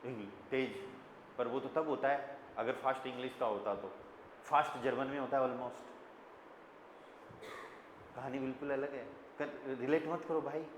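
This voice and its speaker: A man's voice: medium pitch, moderate pace, long pauses. A man with an Indian accent teaching a class, quizzing his students and spelling words out letter by letter. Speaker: German teacher. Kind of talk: classroom lesson. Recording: echoey classroom with long reverb, faint room noise.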